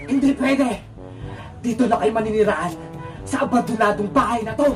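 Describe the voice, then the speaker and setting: A woman voicing a menacing old witch grandmother who gloats and threatens in a lowered voice. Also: normal speed, music in the background, lightly acted. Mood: gloating.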